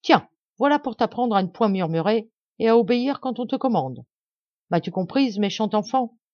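A woman's voice: mid-range voice, very animated, normal speed, dry recording, muffled recording. A woman voicing a harsh scolding stepmother. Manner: scolding, sharp commands. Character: cruel harsh stepmother, doting on one daughter.

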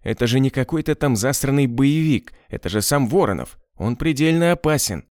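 A man's voice: mid-range voice, lively intonation, moderate pace, a little mellow, no echo, clean studio sound, natural voice. Anxious official woman, as a male narrator reads her. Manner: agitated. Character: anxious female official muttering to herself.

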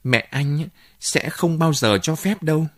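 A man's voice: a little high, measured pace, dry recording, voice pushed up. Male reader doing a giddy young girl in a storybook, raised and breathless, dry close sound. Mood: excited. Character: young woman in love, nineteen, giddy.

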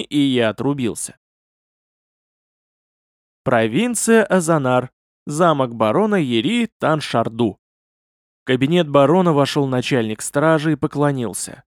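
Expressive man narrating an audiobook. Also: mid-range voice, no echo, studio quality. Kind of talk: scripted fantasy audiobook narration.

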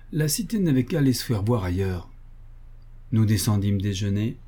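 A man reading a comic novel aloud in a lively, ironic way. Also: lowish voice, slightly rough. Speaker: audiobook reader. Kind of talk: expressive audiobook narration.

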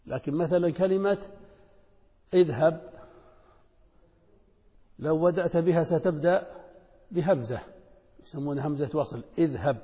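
A man teaching a lesson in a measured, explanatory way, posing questions and answering them himself. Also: fairly high pitch, mellow. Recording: long hall reverb.

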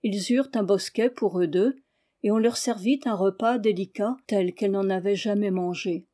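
A woman narrating a classic novel in a measured, expressive reading. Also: mid-range voice.

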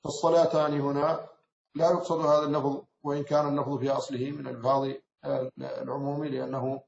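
Mauritanian guy teaching a classical text, raspy fry in his voice, kinda monotone, echoey muffled recording. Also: fairly high pitch. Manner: measured, explanatory, with frequent self-corrections and hesitations. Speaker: Islamic scholar teaching. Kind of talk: lecture explaining a classical text. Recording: roomy, slightly dull recording.

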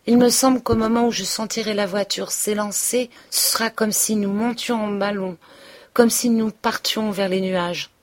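A woman's voice: medium pitch, fairly even intonation, moderate pace, pitched above the performer's own voice, lightly acted. A woman voicing a passionate young wife who pleads with urgent, breathless feeling in a storybook reading. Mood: dreamy.

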